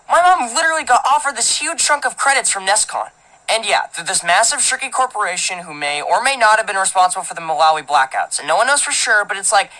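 A woman's voice: mid-range voice, pushed and bright, low-quality recording. A woman narrating a teenage boy's first-person story as an audiobook, in a casual, filler-filled, indignant manner. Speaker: audiobook reader.

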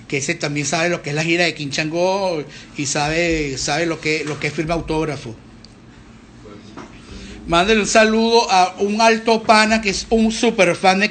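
A man's voice: high-pitched, a bit bright, slight background noise. A middle-aged man, hosting a casual live stream in a rambling, chatty way. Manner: rambling, chatty, with restarts and fillers.

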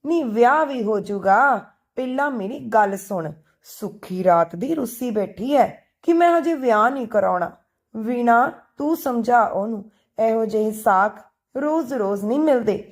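A woman's voice: on the high side, lively intonation, a little slow. A woman voicing a firm, worried mother.

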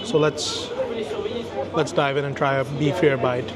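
On a café terrace outdoors, an Indian man in his thirties casually samples sandwiches for his food vlog, reacting out loud in an easygoing, talkative way. He speaks unhurriedly in a mid-range voice over a loud crowd, picked up by a shotgun mic mounted on the camera.

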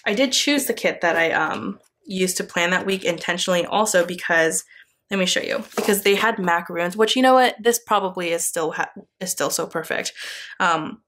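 A young woman with a slightly low voice gushes over her sticker haul in an excitable, chatty way. She keeps laughing and squealing with delight, talking straight to her viewers in a casual vlog style. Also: normal speed, slight background noise. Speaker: planner vlogger.

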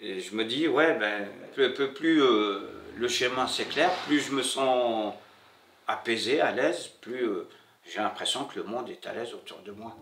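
A middle-aged Moroccan bookseller, whose French came only after he moved to France, reflects haltingly on his own story in an interview, repeating himself and pausing often as he looks for words. He speaks at a medium pitch. The setting is an indoor room with a bare wall where he sits, recorded with roomy echo and a slightly distant mic.

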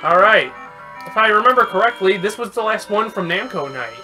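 A gaming video host giving casual play-by-play commentary, yelling and swearing at the game, then chatting to viewers in a friendly, rambling way. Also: medium pitch, fairly quick, soft background music. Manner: excitable, yells and swears at the game.

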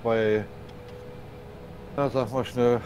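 Ein Mann, der locker im Rollenspiel plaudert und über eine Telefonverbindung zu hören ist, mit deutlichem Rauschen im Hintergrund. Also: male voice, mid-range voice, flat delivery, extremely slow, noisy background. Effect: heard over a phone call. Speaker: farming roleplay player. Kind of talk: casual roleplay phone chat.

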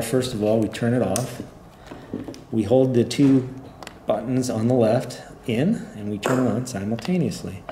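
A middle-aged man with a lowish, dark-toned voice, a company representative, informally demonstrates a product step by step at a tabletop in an indoor room. His talk is plain-spoken and unscripted, and the recording has a roomy echo and faint background noise.

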